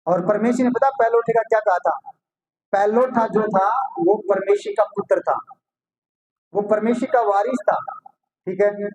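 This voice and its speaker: High-voiced man preaching a sermon. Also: normal speed, pauses often, darkish tone, low-quality recording. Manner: reads scripture aloud, then explains it with rhetorical questions.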